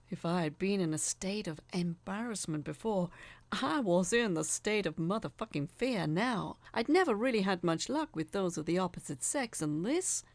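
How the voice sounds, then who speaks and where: A woman narrates a scripted horror story in the role of an awkward, obsessive young male peeping Tom. Her lowish voice is heavily acted, confessional and awed, with a dramatic manner and breathy drops. The recording has no echo.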